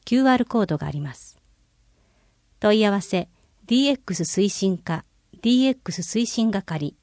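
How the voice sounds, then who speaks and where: A woman reading a city bulletin aloud in a clear, measured way, slowing down for phone numbers and contacts. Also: medium pitch, animated, a little mellow, no echo, studio quality. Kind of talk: scripted reading of public notices.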